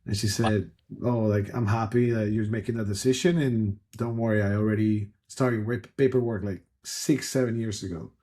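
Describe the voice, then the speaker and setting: A man's voice: on the low side, steady tone, moderate pace, hardly any pauses, dark tone. A man, a guest telling his story in an earnest, rambling way with frequent restarts. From Ecuador. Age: 30s. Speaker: guest entrepreneur. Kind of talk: casual conversational storytelling.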